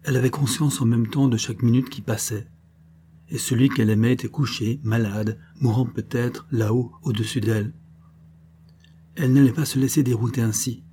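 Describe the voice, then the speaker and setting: A man narrating a novel in an audiobook with measured, literary storytelling. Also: medium pitch, steady tone, mellow, slight background noise.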